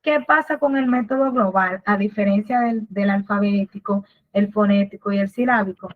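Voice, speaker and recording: A woman's voice: medium pitch, normal speed. A woman presenting a literacy workshop in a webinar lecture, patiently explaining and asking and answering her own questions. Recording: tinny phone-like webinar audio.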